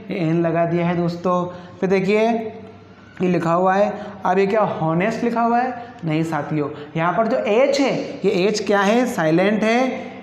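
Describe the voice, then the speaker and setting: A man's voice: sits high, a little hiss or hum. A man teaching an English lesson who keeps asking the class questions and then answering them himself. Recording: echoey, muffled room recording.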